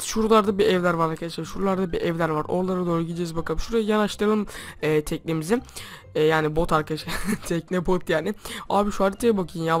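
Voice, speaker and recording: A man playing Minecraft for his channel, chattering to his viewers in a hushed voice because it is late at night. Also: high-pitched. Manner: chatty, constantly addressing viewers. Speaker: gaming YouTuber. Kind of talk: Minecraft let's play with role-play.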